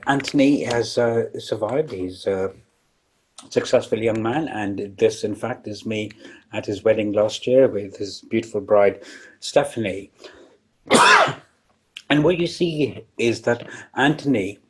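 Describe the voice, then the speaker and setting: A man's voice: fairly low pitch, unhurried, darkish tone, slight background noise. A man giving a public lecture, explaining plainly with frequent ums and restarts, with a throat lozenge in his mouth. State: coughing, sucking a throat lozenge.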